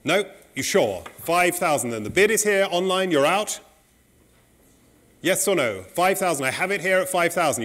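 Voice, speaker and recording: A middle-aged man working as an auctioneer, calling bids in a saleroom in a brisk, polite, repetitive way. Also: fairly high pitch, a bit bright.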